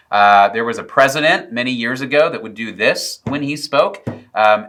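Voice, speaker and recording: A man teaching preaching technique in a video lesson, explaining clearly and demonstrating vocal examples. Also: medium pitch, sharp tone. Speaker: preaching instructor.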